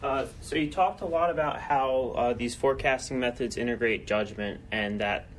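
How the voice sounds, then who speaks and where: A man from the audience asking a question in a halting, unsure way. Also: medium pitch, a little hiss or hum.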